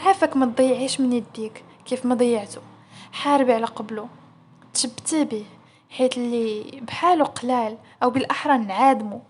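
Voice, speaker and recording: Brief: a woman doing a caring Moroccan friend, urging, breathy. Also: on the high side, quick pace. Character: caring young woman, sisterly adviser.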